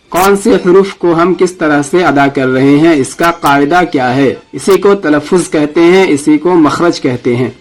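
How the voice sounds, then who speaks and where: A man with a Pakistani Urdu accent teaches Quran reading, and his voice sits a little higher than most men's. He explains in quick bursts, then slows right down to sound out each letter with care. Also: low-quality recording. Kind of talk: Urdu lesson on Arabic letters.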